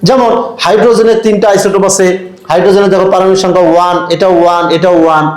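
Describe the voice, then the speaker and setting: A man's voice: sits high, fairly even intonation, racing, reverberant, low-quality recording. A man with a Bangladeshi Bengali accent teaching a chemistry lesson, talking straight to his students and stretching out key syllables to drill the terms. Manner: direct, encouraging address to students. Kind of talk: classroom lecture.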